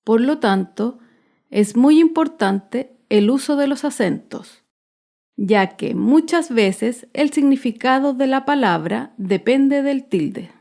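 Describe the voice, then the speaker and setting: A woman narrates a grammar lesson at an unhurried pace, pronouncing each example word slowly and clearly. Her voice sits somewhat high, and she leans on stressed syllables with deliberate care. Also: expressive, dark tone. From Chile. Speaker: teacher.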